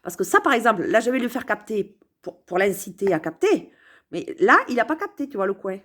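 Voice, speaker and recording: A woman's voice: mid-range voice, sing-song, brisk, a bit bright. Woman rambling on her sofa, playful, lots of hesitations, swoopy voice. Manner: playful, meandering, full of hesitations and repeated words. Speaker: vlogger. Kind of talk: rambling casual musing to camera.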